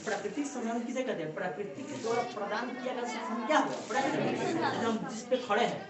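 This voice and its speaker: A woman teaching a class, lecturing and coaxing her students with quick check-in questions. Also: on the high side, over a noisy crowd. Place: echoey classroom. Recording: echoey classroom from far off.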